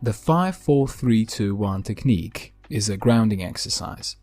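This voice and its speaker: A man hosting a podcast in a calm, gentle, unhurried way, narrating a scripted grounding exercise with deliberate pauses. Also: on the low side, soft background music. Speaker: podcast host.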